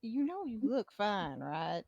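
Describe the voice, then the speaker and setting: A woman playing a tabletop role-playing game, chatting casually and improvising in a halting, amused way. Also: medium pitch, big pitch swings, vocal fry, darkish tone, dull audio.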